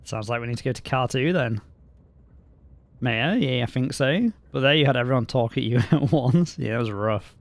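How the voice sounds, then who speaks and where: A male streamer making dry, wry asides while he plays, in casual commentary. His voice sits at an average pitch, recorded dry and close on a desk mic. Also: expressive, moderate pace, gravelly, no echo.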